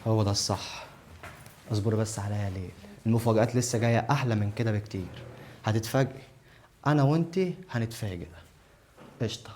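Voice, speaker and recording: A man's voice: on the low side, quick pace, pauses often, a little mellow, slight background noise, natural voice. A young man with an Egyptian accent playing a sly, manipulative husband. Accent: Egyptian Arabic. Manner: smug and plotting. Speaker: scheming husband. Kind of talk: web drama acting.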